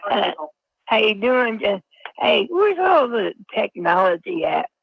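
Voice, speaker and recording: A man calling in to a live show, his voice run through a pitch-shifting voice changer, stammering and halting. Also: very animated, creaky. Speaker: caller. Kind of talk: phone-in call to a live show. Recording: muffled call played back on stream.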